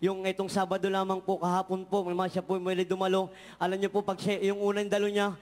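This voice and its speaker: A man's voice: high voice, monotone, fast, darkish tone. A man giving a fervent church testimony, often repeating "mga mahal" and "hallelujah". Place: large church hall. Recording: hall reverb from church sound system.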